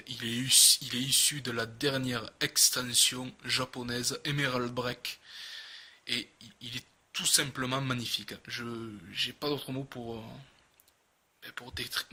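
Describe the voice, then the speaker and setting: A man with a southern French accent giving casual unboxing commentary as a video host, speaking haltingly and often repeating his words. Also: mid-range voice, pushed and bright, slightly rough.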